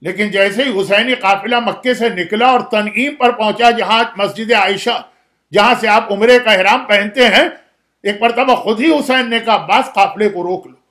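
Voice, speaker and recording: Very high-voiced man preaching a mourning sermon. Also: a bit bright. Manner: impassioned, dramatic storytelling.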